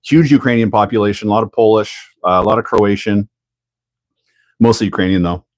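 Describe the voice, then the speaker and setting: A Canadian man with a fairly low voice chats casually through a live build stream, laughing easily as he answers viewers. The sound is dry, with no room echo. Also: fairly quick. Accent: Canadian English. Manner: chatty, laughs often, answers viewer chat.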